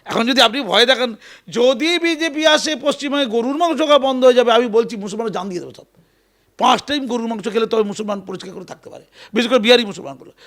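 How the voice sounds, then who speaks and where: A man giving an animated, emphatic political interview, often repeating his phrases. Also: very high-pitched, rapid-fire. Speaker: interview guest.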